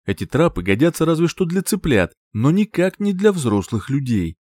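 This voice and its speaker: A man's voice: a little high, very animated, moderate pace, a little mellow, no echo, pitched above the performer's own voice. A teasing young man with a protective streak who ribs and scolds in the same breath, played by a male audiobook reader. The voice stays near the narrator's own and is heard in a dry, close recording.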